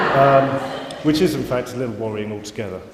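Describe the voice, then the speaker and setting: A man's voice: medium pitch, very noisy. Wry man lecturing in a hall. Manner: wry, self-mocking, rambling asides. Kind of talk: live lecture to an audience. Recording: roomy hall reverb, faint ambience.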